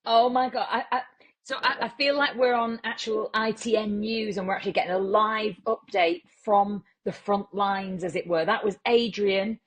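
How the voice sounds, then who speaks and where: A woman with a Lancashire accent hosting a comic podcast, rambling through absurd deadpan asides and calling listeners treasure. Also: medium pitch, moderate pace, few pauses. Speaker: podcast host.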